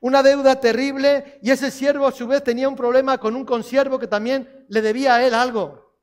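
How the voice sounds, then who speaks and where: A man's voice: very high voice, flat delivery, fairly quick. A man preaching a sermon, repeating key phrases for emphasis and putting questions to the congregation.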